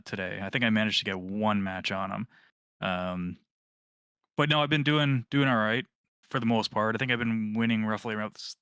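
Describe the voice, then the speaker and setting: A man chatting casually on a gaming podcast, his voice low-ish but bright and crisp. He rambles, restarts and laughs at his own mistakes. The sound is dry and close. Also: no echo. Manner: rambling, self-correcting, laughs at himself. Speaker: podcast co-host.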